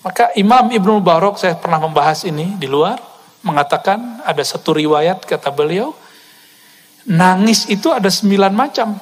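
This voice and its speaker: A male preacher delivers a sermon with animated energy, tossing rhetorical questions at his listeners and slipping into casual asides. His voice sits on the higher side for a man. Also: normal speed, slight background noise. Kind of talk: religious sermon to a live congregation.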